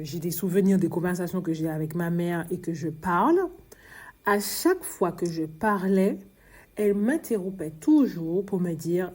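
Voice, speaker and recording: A woman from Martinique with a Martinican French accent hosts a personal podcast, sounding worn out. Her voice is warm and dark, and she talks fast, often restarting her sentences and softening her R sounds. She speaks in a confiding way, straight to one listener. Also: fairly low pitch. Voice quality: fast, stumbling speech with dropped R sounds. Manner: frequent restarts and fillers, confiding tone. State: exhausted. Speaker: podcast host.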